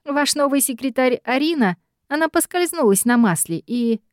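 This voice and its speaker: A woman's voice: high-pitched, animated, normal speed, smooth, dry recording, clean studio sound, pitched above the performer's own voice. A woman voicing a flustered madam who speaks hesitantly.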